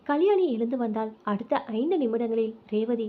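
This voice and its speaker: A woman's voice: a little high, expressive, normal speed, phone-quality sound. A woman reading a family short story aloud, narrating and voicing every character in much the same voice. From Tamil Nadu, India.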